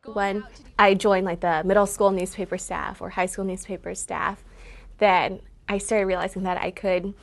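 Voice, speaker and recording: A woman's voice: mid-range voice, level tone, normal speed, gravelly. Earnest young woman telling her story. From San Francisco, United States. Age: 20s. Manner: earnest and reflective, grows emotional. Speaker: interviewee. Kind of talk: taped personal interview.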